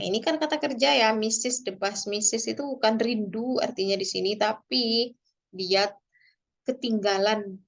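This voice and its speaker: A woman with an Indonesian accent teaching English grammar, explaining slowly and deliberately and switching between English and Indonesian. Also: medium pitch, creaky, a bit bright. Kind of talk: online grammar lesson.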